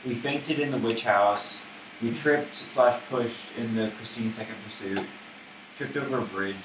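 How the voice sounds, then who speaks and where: A man casually talking game strategy with friends at a board game table. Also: mid-range voice. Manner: quick, chatty strategizing. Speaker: player. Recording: echoey room, distant mic, background noise.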